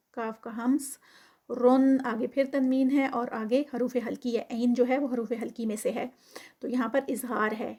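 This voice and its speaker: A woman teaching tajweed, who slowly draws out the recited words and then explains each rule at a quicker pace. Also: on the high side, mellow, slightly rough. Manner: slow drawn-out recitation alternating with quick explanation.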